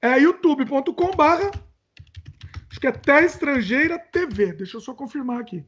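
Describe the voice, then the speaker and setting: A young man with a Brazilian accent and a strikingly high voice hosts a casual podcast. He talks with lively energy, keeps the jokes coming and pokes fun at himself. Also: moderate pace, highs cut off. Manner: playful, jokey, self-mocking. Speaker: podcast host.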